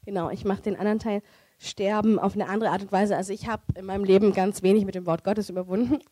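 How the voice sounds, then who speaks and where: A woman's voice: mid-range voice, steady tone, quick pace, mellow, dry recording. A woman giving a personal sermon testimony in a heartfelt, tender way. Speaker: preacher sharing testimony.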